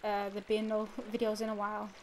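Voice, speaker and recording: She speaks briskly at a medium pitch in a completely flat delivery, her nose stuffy from a cold. A young let's play gamer, she rambles casually over a video game with many fillers and restarts, and background noise is audible.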